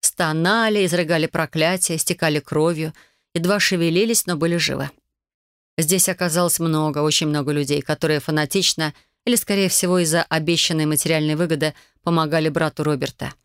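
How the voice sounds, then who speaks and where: An audiobook narrator telling a fantasy story in first person, lively and emotional. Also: mid-range voice, fairly quick, clear, resonant tone, no room sound, clean studio sound.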